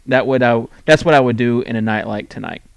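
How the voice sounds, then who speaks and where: A man's voice: mid-range voice, brisk, vocal fry, smooth, dry recording, dull audio. Rambling man hosting a fantasy sports show. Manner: rambling, full of fillers and restarts. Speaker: host. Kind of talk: casual sports talk show.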